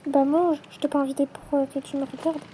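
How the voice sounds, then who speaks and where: A woman acting out a playful toy role-play, switching quickly between many characters in chatty everyday dialogue. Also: high-pitched, level tone, mellow, slight background noise. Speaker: channel creator voicing every character.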